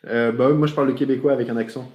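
A man with a mid-range voice hosts a relaxed live show, reading viewer messages aloud. He talks in a chatty, jokey way and sprinkles in foreign phrases. The room around him rings with a roomy echo. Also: medium pitch, racing, highs cut off. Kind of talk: casual live-show chat.

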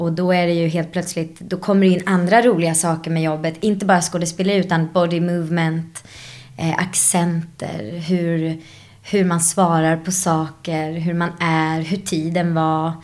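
A woman actress in a casual interview, reflective and animated as she tells stories, dropping in English phrases. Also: fairly low pitch. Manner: drops English phrases into her speech. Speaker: actress guest.

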